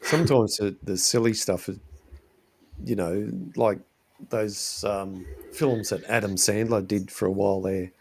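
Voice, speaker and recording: A man with a somewhat low voice talking in an easygoing, halting way. He hums along in agreement and pauses mid-thought while chatting. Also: fairly even intonation, darkish tone, slightly rough. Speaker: show host. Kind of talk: casual chat.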